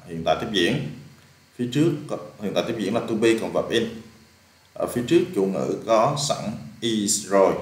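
A lowish-voiced man with a Vietnamese accent explains English grammar exercises one by one, patient and methodical, repeating key words. His voice rings in a roomy, echoing space. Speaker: English teacher.

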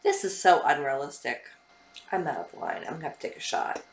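A woman's voice: sits low, lively intonation, fairly quick, very noisy. A woman sitting on a living room couch, casually reacting to a horror film with dry, critical remarks. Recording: film soundtrack playing behind.

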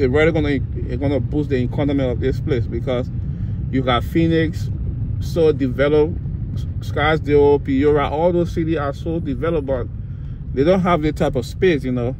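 Guy vlogging from his car on a phone, says everything twice, clear road noise underneath. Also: mid-range voice. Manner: repetitive, emphatic, halting with restarts. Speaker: vlogger touring a site. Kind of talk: casual narration while driving. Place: in a car, outdoors in open land.

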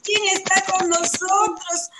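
A woman's voice: very high voice, steady tone, slow pace, very noisy. A woman preschool teacher giving an online lesson over a video call, with an affectionate, sing-song way of coaxing the children.

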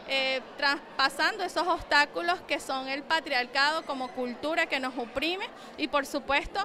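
A Venezuelan woman in her forties, a bank coordinator, explaining a loan program in a street interview in a crowded hall. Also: high voice. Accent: Venezuelan Spanish. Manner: steady, official-sounding explanation. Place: large crowded community hall. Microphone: handheld reporter mic. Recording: music playing underneath.

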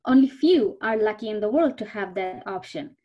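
A woman's voice: medium pitch, lively intonation, moderate pace, mellow, dull audio. A woman in her thirties from Bangladesh, a food security researcher speaking on an online panel with earnest personal storytelling over a video call. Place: indoors before a virtual backdrop.

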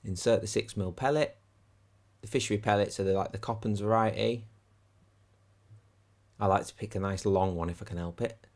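On a dry recording, a man with a darkish voice on the low side talks through a fishing setup at normal speed, leaving long pauses. He's a channel host and angler showing rigs by a lake on a windy day, explaining things step by step in a practical, chatty way.

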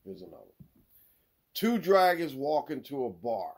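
This sports podcast host speaks in a mid-range voice, a little slow, telling corny jokes casually and laughing at his own punchlines. He's lively and swings between loud and mumbled.

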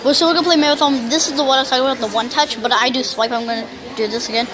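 A youngster who can't pronounce R's, saying w instead, rambling loudly through casual gameplay commentary. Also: sits high, fairly even intonation, racing, a crowd in the background. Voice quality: speech impediment, cannot say R's correctly, says w for r. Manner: rambling, self-described loud talker. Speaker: YouTuber.

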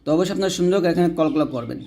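A man teaching Quran reading, spelling out each letter and then having listeners repeat slow recited phrases after him. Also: sits high, dark tone. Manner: spells letters aloud, then recites slowly with a drawn-out chant; repeats phrases for the viewer to say back.

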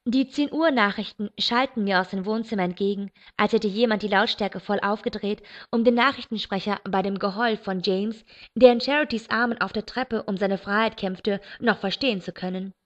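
A woman reading a novel aloud in first person, steady and expressive. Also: medium pitch, moderate pace. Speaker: audiobook reader. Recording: dull lo-fi recording.

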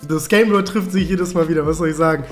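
Guest gamer, young male, notably high-pitched, casual match banter over faint music. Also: fairly even intonation, fast talker. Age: young adult. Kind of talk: casual gaming chat. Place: living room with large windows.

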